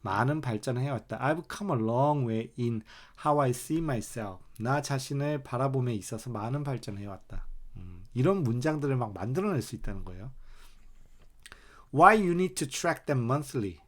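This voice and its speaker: Male English teacher, measured delivery, slows right down on example sentences. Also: medium pitch, animated. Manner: explains in Korean, reads English examples slowly and deliberately. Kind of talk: online English lesson.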